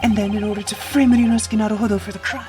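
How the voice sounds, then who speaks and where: A woman's voice: medium pitch, fairly even intonation, very fast, over music, natural voice. A woman voicing an earnest young male defense lawyer in a fan game dub, stammering and urgent.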